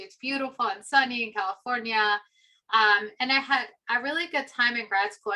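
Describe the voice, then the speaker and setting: A middle-aged Peruvian woman, a philosophy professor, reflects conversationally on her path, telling a personal story with many fillers. Her voice is a little high with a sharp tone, and the recording is rough.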